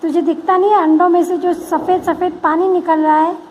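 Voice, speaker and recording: A woman's voice: very high-pitched, little pitch movement, brisk, a little mellow, lo-fi sound, slight background noise. A woman reading as a sulky young boy. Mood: impatient.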